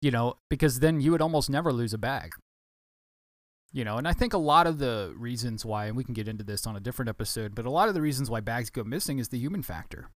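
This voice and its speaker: A man's voice: mid-range voice, animated, fast talker, no echo, studio quality. A man hosting a casual solo podcast, talking in a rambling way with many restarts and self-corrections, sounding a bit tired. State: tired, yawning. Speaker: podcast host, former baggage handler.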